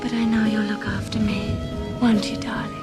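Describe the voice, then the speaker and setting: Brief: actress doing a theatrical funny accent, clingy and coy, high-ish voice. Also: female voice, flat delivery, moderate pace, loud music behind the voice, natural voice.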